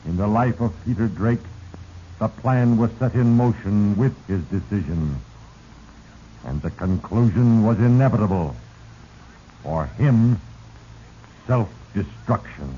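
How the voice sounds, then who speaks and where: An actor playing Fate, a sinister, solemn narrator with a pompous, ominous delivery in a 1940s radio drama. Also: male voice, on the low side, warm tone. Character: Fate, sinister solemn narrator who manipulates mortal lives. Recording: muffled, noisy 1940s radio recording.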